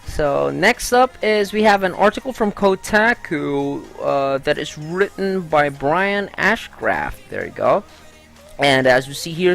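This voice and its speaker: A gaming vlogger runs through the week's news in a loose, chatty way, full of "uh" fillers and bursts of enthusiasm. The voice sits in a middle pitch with a gravelly, fry-heavy edge. Faint music plays underneath. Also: a bit bright. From Philippines. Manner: chatty and upbeat, lots of "uh" fillers. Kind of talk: casual vlog commentary on gaming news.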